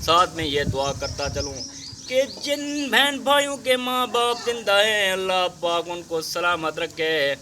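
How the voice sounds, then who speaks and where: A man's voice: sits high, lively intonation, a little slow. A Pakistani man with a Pakistani accent, greeting viewers in a formal, pious way. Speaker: vlogger. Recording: noisy rural outdoor recording. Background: outdoor rural ambience.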